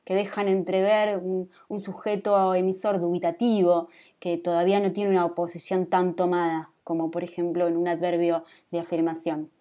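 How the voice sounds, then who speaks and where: A woman's voice: lowish voice, flat delivery, normal speed, hardly any pauses, warm tone. A woman in her thirties with a Rioplatense Spanish accent, lecturing a design class and checking in with students with a frequent "¿sí?". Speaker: teacher.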